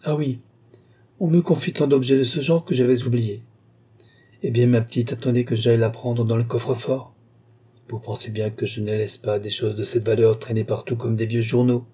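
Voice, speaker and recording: A man's voice: medium pitch, level tone, moderate pace, mellow, breathy edge, lightly acted. A man voicing a scheming, greedy woman doctor who talks down coolly and sweetly, in an audiobook reading. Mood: coldly wheedling. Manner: coolly condescending, calls her "ma petite".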